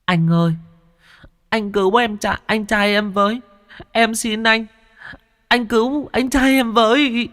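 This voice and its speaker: A man voicing the ghost of a five- or six-year-old boy in a ghost story audiobook, pleading in a high, sobbing voice. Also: steady tone, slow pace, pauses often, a little mellow, big-room sound.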